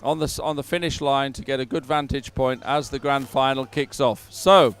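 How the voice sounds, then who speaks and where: Commenting live and unscripted on a sports event, a man speaks from the waterside of a racing venue while music plays there. He has a smooth, steady, medium-pitched voice at normal speed.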